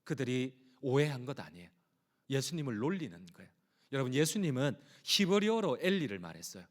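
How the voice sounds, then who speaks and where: A man preaching a sermon as pastor, reading scripture slowly and moving between hushed and loud passionate appeals. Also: mid-range voice, big pitch swings. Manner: reads scripture slowly and emphatically.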